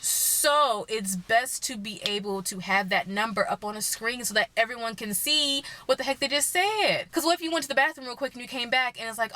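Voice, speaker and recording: Young texas woman vlogging, opinionated, chatty, bright voice, dry sound. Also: a little high, no echo. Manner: chatty, opinionated, speeds up and slows down. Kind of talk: casual vlog chat.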